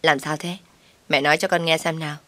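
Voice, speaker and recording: Brief: sneering sister-in-law, haughty, a woman narrator puts her on, low and dry. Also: level tone, brisk, fairly bright tone, no room sound. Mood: spiteful. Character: spiteful young sister-in-law, haughty and sharp-tongued.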